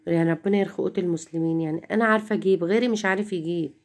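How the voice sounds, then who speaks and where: A middle-aged Egyptian woman with a lowish voice races through her words in a home vlog. Speaking to viewers with an Egyptian Arabic accent, she complains and keeps repeating herself.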